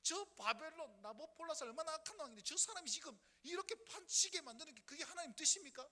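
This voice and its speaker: A man's voice: extremely high pitch, animated, fast talker, bright, forceful tone, pitched above the performer's own voice, heavily acted. A man voicing an indignant prophet who argues and complains to God, in a Gyeongsang Korean accent. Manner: complaining, demanding. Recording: echoey church hall.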